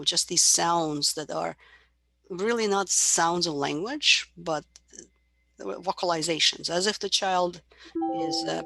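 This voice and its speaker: A woman's voice: fairly low pitch, vocal fry, a bit bright, no echo. A middle-aged woman giving a university psychology lecture, explaining patiently and imitating baby babble as examples.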